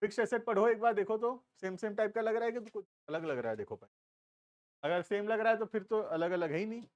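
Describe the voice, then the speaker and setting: A man with an Indian accent teaching a commerce class, explaining slowly and stopping to check that students follow. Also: high voice, dry recording, dull audio. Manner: explains slowly, asks checking questions, drawls key terms. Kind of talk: classroom lecture.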